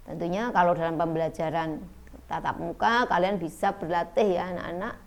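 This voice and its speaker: A woman's voice: lowish voice, steady tone, brisk, creaky. A middle-aged woman teacher giving an online school lesson, explaining step by step with frequent fillers.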